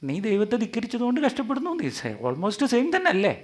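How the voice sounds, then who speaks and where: A man preaching an animated sermon in a hall before a live audience, calling on listeners to answer aloud. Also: high voice, fairly quick. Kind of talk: lively sermon with audience interaction.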